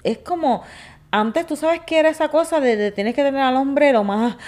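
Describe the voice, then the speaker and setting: A woman's voice: high-pitched, darkish tone. A woman with a Puerto Rican accent co-hosting a podcast, arguing heatedly with her partner in blunt, profane Spanish laced with English words. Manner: exasperated, rapid lecturing. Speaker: podcast co-host. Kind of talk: heated couple argument.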